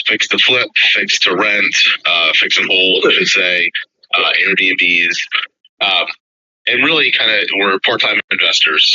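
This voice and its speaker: Man with a head cold, nasal, very deep voice, hesitant casual guest talk, dull lo-fi sound. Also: sharp tone. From upstate New York. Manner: many fillers, hesitant. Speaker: podcast guest, part-time real estate investor.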